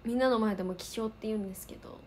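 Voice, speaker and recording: A woman's voice: on the high side, rapid-fire, slight background noise. A woman in her twenties from Osaka with a light Kansai accent, chatting casually while answering viewer comments on a livestream. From Osaka, Japan. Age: 20s. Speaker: idol livestream host.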